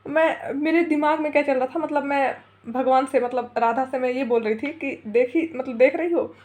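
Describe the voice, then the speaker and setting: High-voiced young woman telling a story. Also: steady tone, normal speed, darkish tone. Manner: chatty, rambling, mixes English into Hindi; heated and frank, laughing often. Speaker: storytelling vlogger. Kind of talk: casual storytime monologue.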